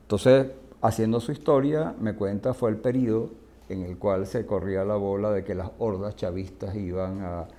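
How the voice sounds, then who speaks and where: Venezuelan man, psychiatrist, lowish voice, warm dark tone, vivid storyteller. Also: moderate pace. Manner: vivid storyteller, acts out quoted speech. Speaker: psychiatrist guest. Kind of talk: storytelling interview answer.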